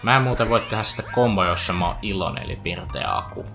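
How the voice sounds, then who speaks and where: Animated man giving game commentary. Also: lowish voice. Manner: chatty, joking running commentary with playful asides. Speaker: video game streamer. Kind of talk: let's play commentary. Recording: faint game music behind.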